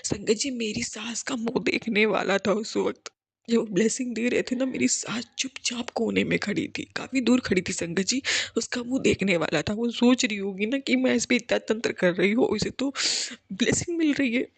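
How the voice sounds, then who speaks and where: A woman's voice: a little high, normal speed, vocal fry, breathy edge, dry recording. A woman giving an earnest, tearful devotional testimony, pleading and repeatedly addressing the congregation.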